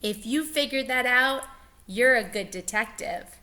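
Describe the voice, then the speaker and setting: Reading to young children as a teacher, a woman with a fairly high, pushed, bright voice performs the text expressively. She stops now and then to explain things and ask the kids questions.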